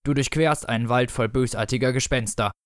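A man voicing Death as a grumpy, bony, irritable grim reaper who speaks slowly and gruffly in a storybook reading. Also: mid-range voice, no room sound, studio quality, close to an everyday voice. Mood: gruff grudging. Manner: slow, grinding, gruff.

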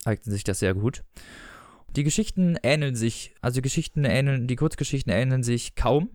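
A man's voice: medium pitch, moderate pace, darkish tone, dry recording, clean studio sound. A man chatting casually about a story collection, with loose restarts, then reading an excerpt aloud. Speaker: book reviewer.

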